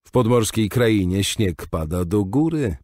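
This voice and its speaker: A man reading an audiobook voices a mad male jester who chants nonsense rhymes in a slow, drawn-out singsong. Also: fairly low pitch, animated, darkish tone, no echo, clean studio sound.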